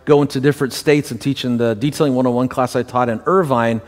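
A middle-aged man gives straight, practical answers as a detailing instructor in a live class, his voice sitting at an ordinary pitch. He leans on casual fillers like "you know" and "look". The sound carries a long reverberant ring from the shop. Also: steady tone, fast, a little mellow. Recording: reverberant room.

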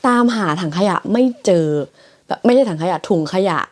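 A woman's voice: mid-range voice, animated, normal speed, darkish tone. A young woman from Thailand chatting casually to her viewers in a vlog from her bedroom, loose and full of fillers. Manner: chatty, filler-heavy, addresses viewers as everyone. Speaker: vlogger. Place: her bedroom in a shared house.

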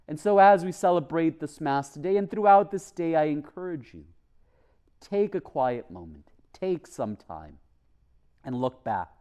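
Through a lectern microphone in a church chapel, a male priest with a higher, slightly mellow voice gives an earnest homily. His preaching is measured and deliberate, with pauses placed for emphasis.

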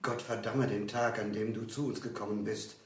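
A dying old priest gasps out each broken word, bitter to the end, as a male reader voices him. His speech comes slow and labored. The room lends it a roomy echo. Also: lowish voice, flat delivery, recorded from a distance, close to an everyday voice.

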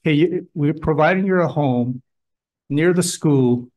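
A man with a fairly high voice speaks at a measured pace as a state emergency official before a legislative hearing, and the sound is lo-fi. He explains plans plainly and conversationally, with examples, in a hearing room.

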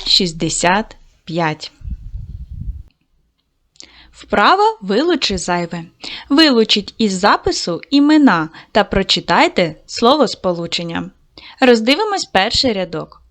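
A woman teaching a video lesson for second graders. Her pitch rises and falls in a lively way as she encourages the children. She speaks slowly and clearly to young pupils. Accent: Ukrainian. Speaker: primary school teacher.

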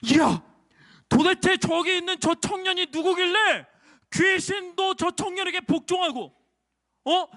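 A man voicing excited village men who exclaim and question in astonishment. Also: very high voice.

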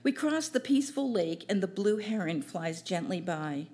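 An older woman reading her own poems at an open mic on a small cafe stage, in a gentle, measured recital into a stand mic. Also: medium pitch, lively intonation. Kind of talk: poetry reading. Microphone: stand mic at a distance.

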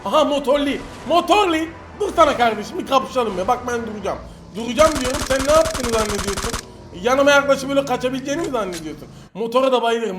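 A young man commenting on a mobile shooter game as he plays, teasing enemies with playful trash talk and sudden excited outbursts. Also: very high voice, a little hiss or hum. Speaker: mobile shooter gameplay streamer. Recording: home mic with loud game gunfire behind.

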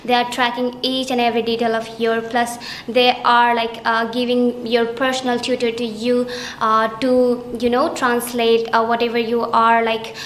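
A young woman student from Nepal speaks in a slightly high, extremely even monotone, pausing often with fillers as she answers interview questions. The small indoor room adds a roomy echo, with faint ambient noise underneath. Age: young adult. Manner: hesitant, many fillers, flat steady delivery. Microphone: camera at chest framing.

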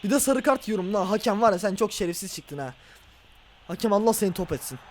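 A man playing a football video game and reacting out loud, groaning and shouting at the referee and his players. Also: high-pitched, animated, quick pace, slight background noise. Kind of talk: casual let's-play reaction.

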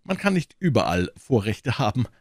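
A man's voice: medium pitch, very animated, normal speed, dry recording, studio quality. A man voicing a young musketeer, teasing.

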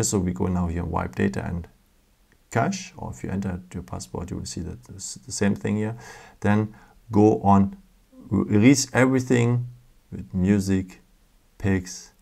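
A man's voice: lowish voice, a little slow, creaky, a little mellow. A man hosting a casual step-by-step phone tutorial, patient, with frequent fillers and non-native phrasing, recorded indoors at a table. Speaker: tech tutorial host.

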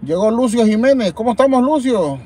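A man's voice: extremely high pitch, animated, a little fast, warm tone. A man from El Salvador with a Salvadoran accent, rambling animatedly to viewers as host of a live chat from a parked car at night, reading comments aloud. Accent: Salvadoran Spanish. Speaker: livestream host.

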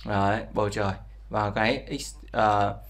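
A man's voice: fairly low pitch, fairly even intonation, moderate pace. A man teaching an English lesson over a screen recording, explaining words with many fillers and checks with his viewers. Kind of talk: screen-share language lesson.

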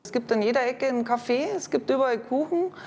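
A woman's voice: sits high, quick pace, darkish tone, a little hiss or hum. A woman in her forties who owns a café, speaking earnestly and candidly to camera at her counter. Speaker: café owner. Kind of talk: interview to camera. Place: café counter with espresso machine, indoors.

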